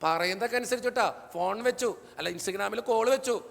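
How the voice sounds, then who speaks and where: Speaking at normal speed, a priest gives young people a lively, humorous talk, animatedly voicing the characters in his stories. His voice is very high for a man, with a gravelly edge, and it echoes with a long reverb like a large hall.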